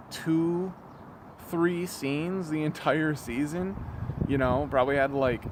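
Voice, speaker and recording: A man sounding drunk as he delivers an off-the-cuff video rant, rambling, halting and repeating himself, exasperated and swearing freely. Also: medium pitch, noisy background. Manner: exasperated, profane. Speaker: YouTube reviewer.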